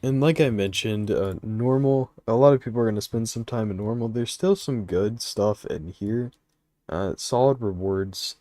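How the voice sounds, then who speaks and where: A young man hosts a gaming livestream, giving casual live commentary in a mellow, fairly low voice at a moderate pace, recorded dry and at studio quality. Sleepy and yawning, he thinks aloud with many ums and uhs, hesitantly planning routes and reading out chat questions.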